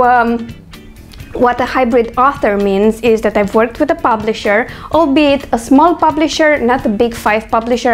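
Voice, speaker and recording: Woman musing in a vlog. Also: a little high. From Romania. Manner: thoughtful, chatty, with frequent fillers. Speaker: author and vlogger. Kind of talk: casual talking-head vlog.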